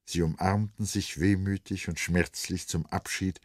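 Audiobook casting: deep male narrator with a husky grain and a dry, close sound. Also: measured pace, no echo. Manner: expressive, melodic reading.

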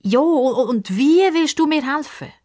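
A woman's voice: mid-range voice, expressive, normal speed, darkish tone, lightly acted. Storybook girl, young, eager and impatient, read by a woman. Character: impatient young girl who loves football.

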